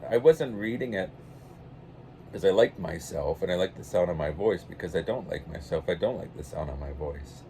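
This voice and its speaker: An older man telling a meandering story in a quiet, low-key way, with lots of restarts. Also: a little hiss or hum. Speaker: pipe-smoking channel host. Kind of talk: casual rambling anecdote.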